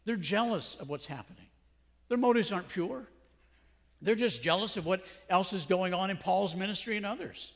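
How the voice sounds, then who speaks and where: A man's voice: sits high, moderate pace, fairly bright tone. A middle-aged male pastor preaching a sermon in a conversational way, full of rhetorical questions. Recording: long hall reverb.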